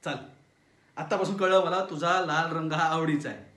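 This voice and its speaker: A man's voice: a little high, fairly even intonation, normal speed, fairly bright tone, close to an everyday voice. A man acting a controlling husband who coaxes in a falsely tender voice and turns to threats, in a dramatic audition monologue. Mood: falsely sweet. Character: controlling, menacing husband with a sweet-talking cruelty. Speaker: auditioning actor. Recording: roomy echo.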